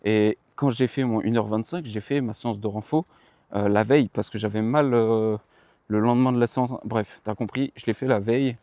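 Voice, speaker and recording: A young man talks casually about his training in a mellow, darker voice, sounding tired. He rambles, restarts his sentences and drops slang. The recording is dry and close. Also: on the low side, fairly even intonation, normal speed, no echo. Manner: rambling, self-correcting, slangy. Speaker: running vlogger. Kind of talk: casual vlog chat to the viewer. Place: outdoors.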